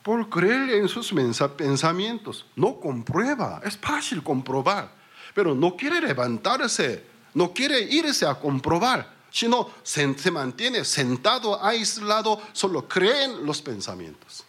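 A man's voice: sits high, wildly swooping pitch, takes it slowly, fairly bright tone, husky. A male pastor from Korea preaching in a Korean accent, telling stories with self-mocking humor and small slips. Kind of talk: sermon.

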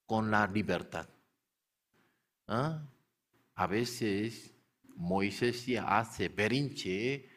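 A man preaching a storytelling sermon who keeps asking his listeners questions and then answering them himself. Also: lowish voice. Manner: animated retelling, slips into character voices.

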